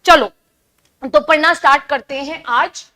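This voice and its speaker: A young woman giving a live online biology lesson, chatty and asking her students questions, reading textbook lines slowly before explaining them. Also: high voice, steady tone, pushed and bright. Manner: reads English textbook lines slowly, then explains in Hindi. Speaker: biology teacher. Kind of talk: live online class lecture.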